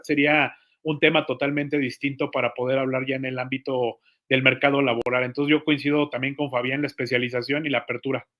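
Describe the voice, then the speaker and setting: A man's voice: medium pitch, fairly bright tone. A man, a journalist talking on a podcast, telling anecdotes thoughtfully with some hesitations. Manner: reflective, tells anecdotes with hesitations. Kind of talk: podcast conversation.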